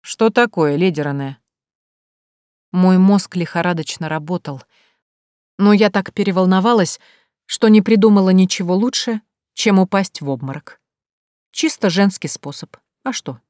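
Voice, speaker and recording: A woman reading a first-person fantasy audiobook in an expressive, tense way. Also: medium pitch, normal speed, dry recording, studio quality. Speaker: audiobook narrator.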